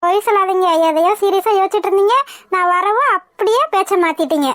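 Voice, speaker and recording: A woman's voice: extremely high pitch, quick pace, a bit bright, no echo, clean studio sound. A woman voicing a young, devoted wife in a cartoon, affectionate, pleading and playfully scolding. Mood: teasing. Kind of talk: cartoon voice acting.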